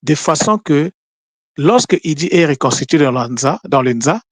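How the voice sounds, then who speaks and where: A man giving a spoken lesson on word meanings, slow and deliberate, pausing often with fillers. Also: fairly high pitch, lively intonation, no echo. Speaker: language teacher.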